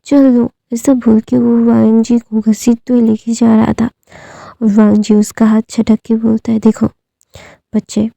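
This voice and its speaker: A woman retelling a fan fiction story casually, voicing the dialogue with pauses and fillers. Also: on the high side, monotone, vocal fry, mellow, no room sound.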